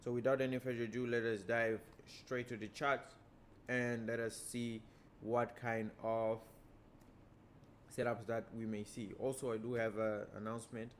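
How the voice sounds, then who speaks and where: With a mid-range voice at normal speed, a Portuguese-speaking trading educator gives a casual, relaxed lesson walking through charts and leans on repeated stock phrases. There's a little hiss or hum in the recording.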